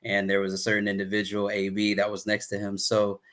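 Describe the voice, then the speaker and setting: A man hosting a casual online show, relaxed and affirming, giving shout-outs. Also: on the low side, a little fast. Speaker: host.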